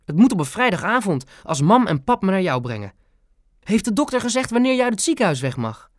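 A man voicing an earnest, excitable eleven-year-old boy in a storybook reading. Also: sits high, a little fast, no room sound, studio quality, voice pushed up. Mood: eager.

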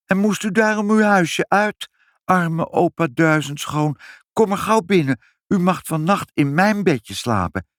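Storybook little girl, high and eager, voiced by a male reader. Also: expressive, unhurried, fairly bright tone, no room sound, studio quality. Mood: pleading.

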